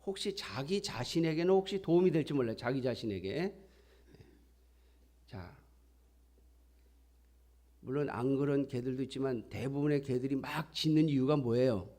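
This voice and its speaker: A man's voice: medium pitch, normal speed, long pauses, mellow. A middle-aged man preaching a sermon in a conversational style, sometimes acting out quoted voices. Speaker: pastor.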